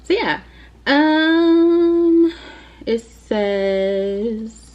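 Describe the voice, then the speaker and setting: A woman in her twenties, a YouTuber, talks casually to the camera in a Q&A vlog, rambling and using plenty of fillers. Her voice sits high and a little mellow, and she speaks very slowly, with the audio sounding dull.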